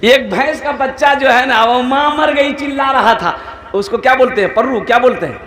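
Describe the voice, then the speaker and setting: Male preacher, high bright voice, animated storyteller, echoey room. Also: normal speed, slight background noise. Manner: animated, acts out villagers in dialogue. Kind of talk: humorous sermon storytelling.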